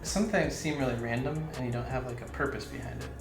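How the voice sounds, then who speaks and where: A man's voice: medium pitch, fairly even intonation, quick pace, music in the background. A man co-hosting as a missionary, reflecting thoughtfully and searching for his words in casual chat. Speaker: missionary co-host. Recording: echoey room.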